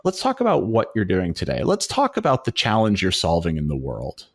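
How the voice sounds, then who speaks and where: Enthusiastic low-voiced male podcast host. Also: huge pitch swings, fairly quick, breathy edge. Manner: upbeat, enthusiastic. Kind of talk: scripted intro then interview.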